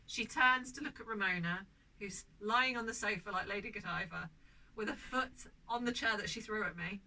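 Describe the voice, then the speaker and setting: A woman's voice: medium pitch, normal speed. A woman who co-hosts a podcast, telling a comedic parenting story with exasperation and the odd swear word. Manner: animated, exasperated, swears freely. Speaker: podcast co-host and mother. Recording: distant mic with background noise.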